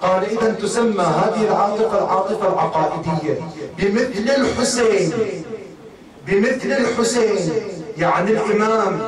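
A man's voice: high-pitched, moderate pace. A man, preaching an impassioned, mournful sermon to a gathering in a mourning hall. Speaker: mulla preacher. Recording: echoey hall from far off, crowd.

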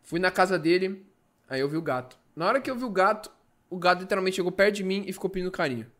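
A man's voice: high voice, fast, a bit bright. A Brazilian man with a Brazilian Portuguese accent, reacting to memes in casual commentary that is profane and full of jokes. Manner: profane, joking, exclamatory. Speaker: meme reaction host.

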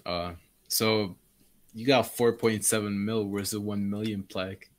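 A man's voice: on the low side, level tone, unhurried. A young man from Palestine chatting on a video call, friendly and curious. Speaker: video chat stranger. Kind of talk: casual chat.

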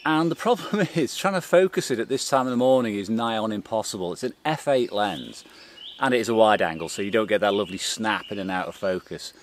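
Middle-aged guy, lowish voice, calmly explaining camera stuff out in the woods, faint birds in the background. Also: brisk, slight background noise. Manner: relaxed, thoughtful, explains gear step by step. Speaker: photography vlogger. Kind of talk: casual explanatory talk to camera. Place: outdoors in a green forest.

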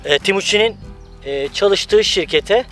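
A man's voice: sits high, unhurried, bright, forceful tone, soft background music. A man hosting a casual vlog outdoors, chatting and commenting in a teasing, joking way. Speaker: vlog host and interviewer.

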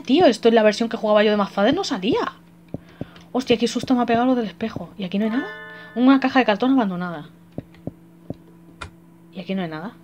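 A young woman playing through a horror game, excitable and quick to swear and laugh. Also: medium pitch. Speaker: gamer. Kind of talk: let's play commentary. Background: faint game music.

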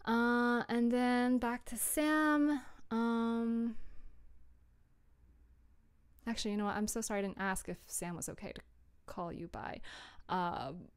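A young adult woman, a livestream host and audio drama creator, chats casually with viewers from a small room at home. Her voice is on the high side and clean-toned, at a measured pace. She's chatty, rambling, giggly, and apologetic.

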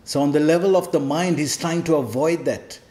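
A scripture teacher with a slightly higher, mellow voice delivers a brisk devotional lecture in an echoey room. He explains patiently, keeps asking rhetorical questions, and uses a questioning "hmm?" to make sure his audience is following.

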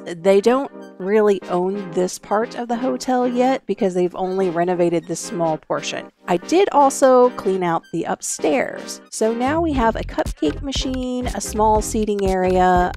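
Woman, casual gameplay commentary, gravelly fry in her voice, faint game music behind. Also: medium pitch, darkish tone. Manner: chatty, thinking aloud as she plays. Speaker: Sims gameplay narrator.

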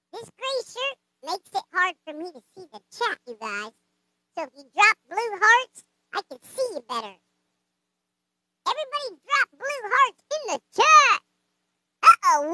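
A man's voice: very high voice, bright, forceful tone, no room sound, exaggerated voice. A performer voicing a brash, flirty male blue puppet who hosts a live stream, cracking crude jokes and cackling often.

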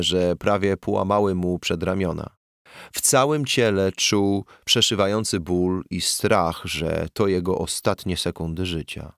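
A man reading a crime audiobook in a steady, measured narration on a close studio mic. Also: sits low, no room sound.

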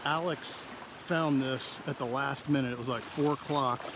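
A man's voice: medium pitch, steady tone, normal speed, noisy background. A middle-aged man narrating a road-trip vlog outdoors, chatting to the camera and pointing things out. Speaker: vlogger. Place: outdoors by a river, then a car and a parking lot.

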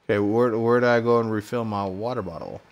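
An American man comments on his gameplay in quick, slangy snippets, thinking aloud casually. His voice is on the low side and he talks fast, with a lo-fi sound.

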